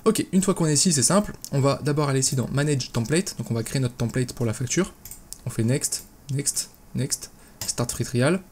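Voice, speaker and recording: A man walking viewers through a software setup in a casual screen-recorded tutorial, explaining step by step with frequent fillers. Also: medium pitch, normal speed, slight background noise. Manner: casual, explanatory, many fillers and verbal ticks. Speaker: e-commerce tutorial host.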